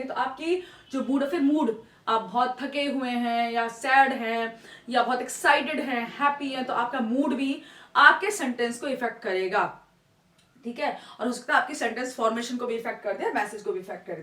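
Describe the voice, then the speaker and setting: A woman's voice: high voice, fairly bright tone, distant mic. A woman teacher explaining step by step, mixing English terms into her lecture and checking in often with her class. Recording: echoey room, voice from off-mic.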